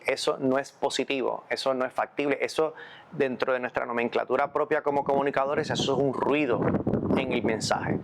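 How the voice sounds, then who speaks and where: A Puerto Rican man, a priest, answering interview questions in a measured, reflective way and repeating phrases for emphasis. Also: mid-range voice. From Puerto Rico.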